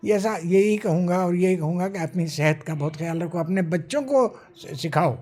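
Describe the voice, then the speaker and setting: A man in his nineties, a retired official and writer, speaks slowly and reflectively in an interview, with Urdu-flavored phrasing. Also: high-pitched, darkish tone. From India. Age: 90s. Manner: slow, measured speech with Urdu phrasing, recites verse.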